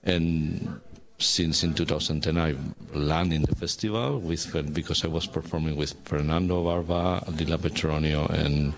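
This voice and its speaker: A man from Spain with a Spanish accent, speaking as a guest artist in an interview, halting and searching for words in English. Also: extremely low pitch, steady tone, vocal fry. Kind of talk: casual interview talk.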